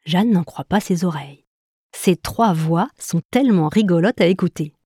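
A woman narrating a children's story in a gentle, even storytelling manner. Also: fairly low pitch, moderate pace, breathy edge, no room sound, studio quality.

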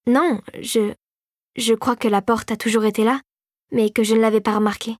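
A woman's voice: normal speed, no echo, studio quality, close to an everyday voice. Woman doing Marie, an eager young girl. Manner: breathless, excited, pitched high above the narration. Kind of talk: audiobook character voice.

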